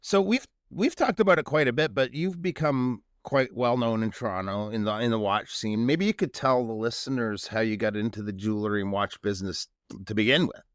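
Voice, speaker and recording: A man co-hosting a podcast, asking questions in a relaxed, conversational way. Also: mid-range voice, a little fast, no room sound, studio quality. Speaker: podcast co-host. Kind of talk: casual podcast interview.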